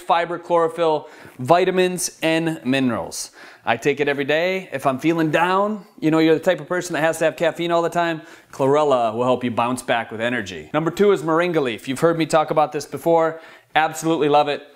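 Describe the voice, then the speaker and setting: A man from Michigan hosting a health vlog, talking enthusiastically and casually about his favorite superfoods. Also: on the high side. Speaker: wellness channel host. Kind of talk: upbeat product-style health vlog.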